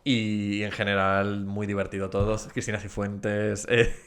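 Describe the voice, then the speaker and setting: Guy hosting a podcast, lowish voice, gets all excited chatting. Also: crowd noise. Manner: animated, gets excited and quick when enthused. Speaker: podcast host. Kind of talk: casual chat.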